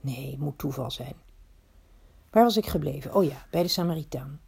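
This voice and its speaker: A woman's voice: low voice, expressive, normal speed, creaky, dark tone, slightly rough. A woman telling a story in the first person, in a reflective, confiding way that often asks itself questions.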